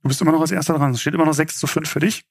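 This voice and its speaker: A man hosts a quiz game in a casual, conversational game show host manner. His voice sits a little high for a man. The sound is dry, with very little room in it. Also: steady tone, very fast, dry recording. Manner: informal game show host, chuckling and explanatory.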